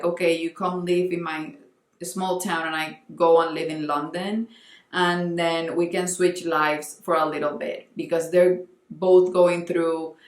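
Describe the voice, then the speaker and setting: A woman's voice: fairly low pitch, reverberant. A young Colombian woman with a Spanish accent, talking earnestly in a casual book vlog and often restarting as she searches for words. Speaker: book vlogger.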